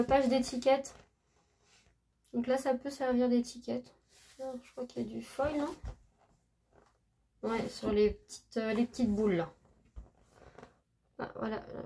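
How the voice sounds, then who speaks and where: A woman's voice: a little high, darkish tone, slight background noise. A woman vlogger chatting casually as she shows off craft paper, gushing and hesitating often. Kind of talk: casual show-and-tell chat.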